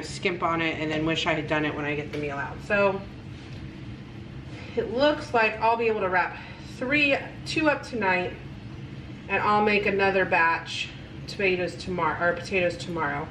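Showing food and craft supplies around her home kitchen and dining table, a family vlogger in her thirties talks casually, rambling but practical. She has a mid-range voice, and background noise is present.

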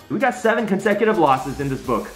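Higher-voiced man giving casual play-by-play. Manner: self-talking, repeating phrases. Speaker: scratch-ticket vlog host.

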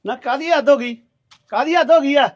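A man's voice: very high-pitched, brisk, dry recording. An actor playing a stubborn, short-tempered middle-aged husband who scolds his wife. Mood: angry. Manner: bossy, scolding.

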